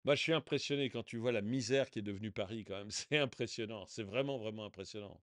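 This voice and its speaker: A man's voice: on the low side, quick pace, background noise. A man giving casual video commentary in a sarcastic, indignant way, often chuckling. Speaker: online commentator.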